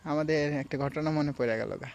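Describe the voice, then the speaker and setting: A young vlogger from Sirajganj, Bangladesh chats casually outdoors by rice fields, speaking in a Sirajganj regional Bengali accent. His voice is a little high with vocal fry and a moderate pace, and there's a bit of hiss or hum. Relaxed and rambling, he mixes regional and standard speech.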